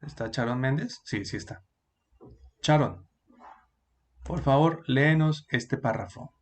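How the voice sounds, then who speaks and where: A man teaching an online class, patiently explaining and repeating words slowly for his students. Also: mid-range voice.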